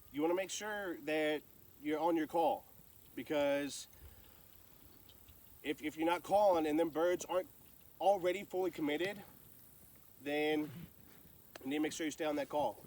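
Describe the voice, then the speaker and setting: A man's voice: a little high, darkish tone, far from the mic. A man giving casual, folksy, plain-spoken instruction as a hunter sharing calling tips.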